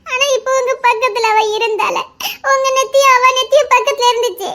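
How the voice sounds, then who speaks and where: A woman's voice: extremely high pitch, steady tone, brisk, bright, forceful tone, full character voice. A woman voicing a tearful young wife who blames herself and weeps as she pleads with her husband in a Tamil romance audio drama. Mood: tearful, pleading. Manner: sobbing and laughing through tears. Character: young wife, tearful, jealous and self-blaming.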